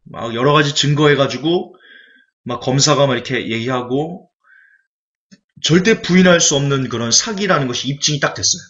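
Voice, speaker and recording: A male evangelist preaching a sermon, animated and full of rhetorical questions to the congregation. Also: medium pitch, moderate pace. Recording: dull lo-fi recording.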